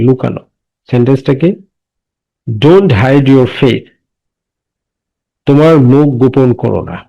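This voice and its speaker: A man teaching a class. He asks questions and answers them himself, and reads English sentences slowly and deliberately. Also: medium pitch, gravelly, mellow. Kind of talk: classroom lesson explaining English words in Bengali. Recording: dull lo-fi recording.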